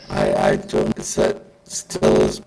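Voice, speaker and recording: Guy on a glitchy video call, voice all robotic and low-res, super deep flat gravelly drawl, slow and halting, faint hiss behind. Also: low-quality recording. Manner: halting and hesitant. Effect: robotic, garbled low-sample-rate call audio. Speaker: panelist. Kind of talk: online panel discussion.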